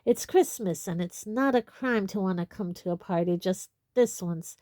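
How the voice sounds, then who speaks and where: A woman's voice: mid-range voice, moderate pace, mellow, dry recording, studio quality, lightly acted. A woman voicing a genial, tipsy older male professor. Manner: genial, hiccuping.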